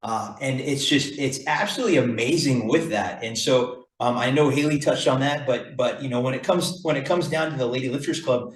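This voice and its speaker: A man's voice: medium pitch, fairly quick, hardly any pauses. Enthusiastic man hosting in a roomy studio. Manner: enthusiastic, rambling with restarts. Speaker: podcast host. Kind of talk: casual roundtable chat. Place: fitness studio. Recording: roomy echo.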